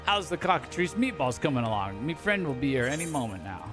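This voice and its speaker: A man voicing a busy, gruff male cook who talks in a rough pirate dialect, reading game dialogue aloud. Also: on the high side, big pitch swings, fast talker, over music. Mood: impatient. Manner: rough dialect with dropped words.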